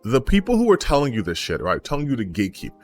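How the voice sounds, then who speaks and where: A man's voice: medium pitch, wildly swooping pitch, fast talker, soft background music. An American man, a gaming channel host, ranting his opinion off the cuff, emphatic and blunt, firing rhetorical questions and swearing casually. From United States. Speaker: gaming YouTuber. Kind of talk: unscripted opinion rant to camera.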